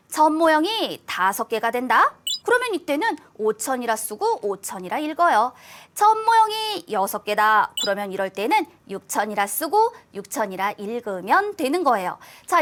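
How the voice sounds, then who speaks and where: A woman teaching an elementary school math lesson, speaking to children in a sing-song way and drawing out key words. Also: high-pitched. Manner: sing-song, addresses kids warmly with drawn-out emphasis.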